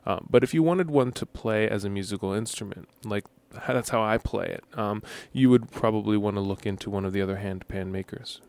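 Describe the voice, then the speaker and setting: A young man guesting in a radio studio interview, explaining at length in a relaxed way with many ums. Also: lowish voice, a little fast, gravelly, few pauses, no echo. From United States. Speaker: musician guest.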